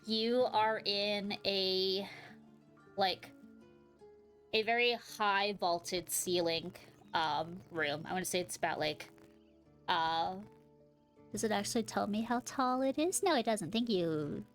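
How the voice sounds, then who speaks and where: A woman narrating a tabletop game as game master, slow and rambling, with lots of filler words. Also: mid-range voice, faint music behind. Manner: rambling, full of "like" and "um", unhurried.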